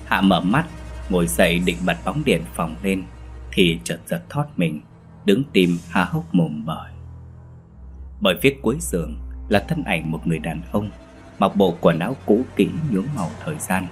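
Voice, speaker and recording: A man narrating a horror story in a steady, measured way, with faint music behind. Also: low voice.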